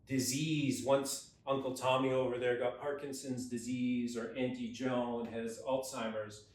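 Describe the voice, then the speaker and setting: A neuroperformance coach, a man, explains a lesson conversationally and stresses key words. His medium-pitched voice is flat, unhurried, and darkish, picked up by a distant mic with roomy echo.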